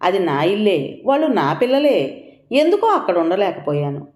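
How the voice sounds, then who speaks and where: A woman narrating a scripted first-person audio story in a reflective, measured way. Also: medium pitch, very animated, darkish tone. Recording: echoey room.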